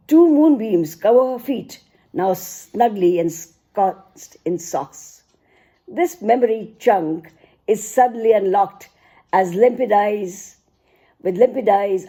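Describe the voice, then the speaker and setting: Mellow-voiced middle-aged woman reading poems. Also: mid-range voice, breathy edge. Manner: unhurried, pausing with frequent hesitations between phrases. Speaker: author. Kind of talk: poetry reading and thanks to readers.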